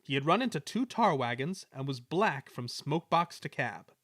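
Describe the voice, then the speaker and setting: A man giving an expressive reading of a children's story. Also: fairly high pitch, normal speed, dry recording, studio quality. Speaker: storybook reader. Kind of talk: scripted narration of a children's story.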